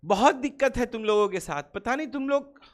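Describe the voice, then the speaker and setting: High-voiced man teaching online. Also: lively intonation, a little fast. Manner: teasing, chatty, reacts to student comments. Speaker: online exam-prep teacher. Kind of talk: live online class, Hindi-English mix.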